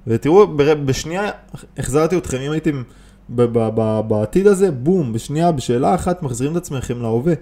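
Here a podcast host and business coach talks about business and the mind in a relaxed, motivational style. His voice sits on the high side, expressive and warm, and he stresses points, asks rhetorical questions and often restarts.

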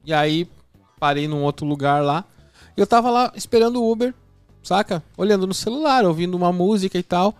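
A man hosts a casual podcast, rambling through a story in a loose, filler-heavy way. His voice sits high for a man. The sound is dry and close, with faint music behind. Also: brisk, clean tone, dry recording. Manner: chatty, many fillers like "saca". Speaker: podcast host. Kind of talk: casual chat, telling an anecdote.

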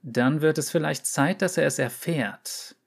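A man's voice: fairly high pitch, unhurried, creaky, slightly rough, voice pushed up, full character voice. A man reading an audiobook story, voicing a hostile female veteran soldier who hisses threats. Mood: threatening. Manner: hissing and threatening.

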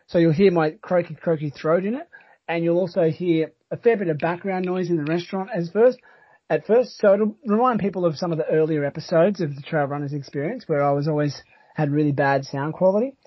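Husky, rambling Australian man, dull audio. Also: a little high, no room sound. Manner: rambling, halting, enthusiastic. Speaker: podcast host. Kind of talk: casual chat. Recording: dull, lo-fi sound.

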